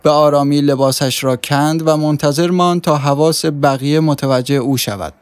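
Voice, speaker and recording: Male audiobook narrator, steady storytelling, slightly high, dry close mic. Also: clean tone, no echo.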